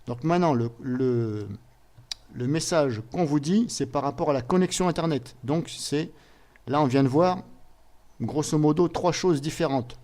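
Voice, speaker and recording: A man's voice: a little high, a little mellow. A man walks viewers through a computer program on screen, talking casually as he clicks. He hesitates and restarts often and keeps dropping in little filler words between steps. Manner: casual, fills pauses with "voilà" and "hop"; thinks aloud, restarts and hesitates. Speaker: software tutorial presenter. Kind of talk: screen-recorded software tutorial.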